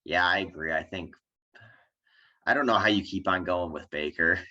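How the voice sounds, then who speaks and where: A man's voice: sits low, normal speed, sharp tone. A young man co-hosting a podcast, chatting hesitantly about sports, often restarting with "I think" and "I mean.". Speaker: podcast co-host. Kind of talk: casual sports chat. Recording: dull lo-fi sound.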